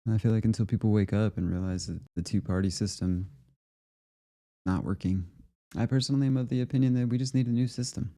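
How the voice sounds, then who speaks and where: A man with a low, very dark and mellow voice talks through clips in a loose, rambling way. He fills his thoughts with "uh" and "you know" and keeps a laid-back, casual tone. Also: quick pace. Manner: rambling and relaxed, with fillers and laughs. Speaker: host of a conspiracy video series. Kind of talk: casual commentary reacting to clips.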